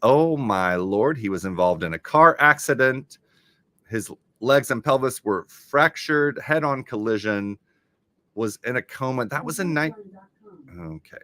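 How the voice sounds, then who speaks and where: A man's voice: medium pitch, expressive, a little slow, sharp tone, no room sound. A man hosting a casual live stream, reading crossword clues aloud and chatting about them as he goes.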